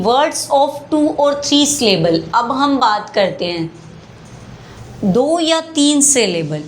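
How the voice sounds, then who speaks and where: Slow, patient woman teaching. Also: fairly high pitch, fairly bright tone, slight background noise. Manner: slow and patient, repeats words and asks rhetorical questions. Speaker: English teacher. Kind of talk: classroom lesson explaining spelling rules.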